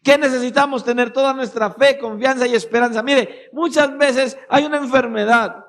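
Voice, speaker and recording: Man, Colombian accent, pastor, very high voice, emphatic sermon, rhetorical questions. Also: fairly even intonation, moderate pace, a bit bright. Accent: Colombian Spanish. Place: church meeting hall.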